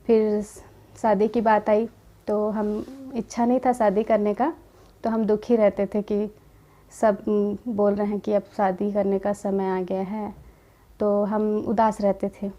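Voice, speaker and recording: A young woman giving a gentle personal testimony about her spiritual path, quoting conversations in her own voice. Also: mid-range voice, little pitch movement, takes it slowly, lo-fi sound. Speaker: spiritual community member sharing her experience.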